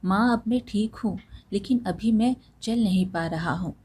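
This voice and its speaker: A woman voicing a sorrowful, gentle young husband who is bedridden, speaking in a pleading way. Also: medium pitch, normal speed, slightly rough, lightly acted.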